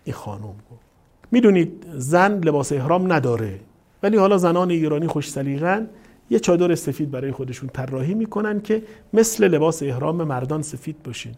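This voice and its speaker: A middle-aged man, a cleric, preaching a sermon and retelling a story with lively acted-out quotes. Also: a little high. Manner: animated retelling, acting out quoted voices.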